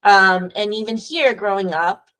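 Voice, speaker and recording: A woman with a Texan accent speaks earnestly as an interview guest, at a middle pitch. She talks over a video call and often restarts her sentences with fillers. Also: a little slow, fairly bright tone, low-quality recording. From Texas, US. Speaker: immigration lawyer guest. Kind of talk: casual interview talk.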